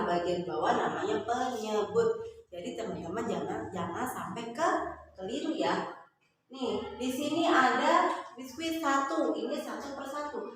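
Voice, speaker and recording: A woman's voice: fairly high pitch, fairly bright tone. A young woman teacher explaining a lesson to young pupils, patient, often asking them questions and then answering herself. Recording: very echoey room with faint background noise.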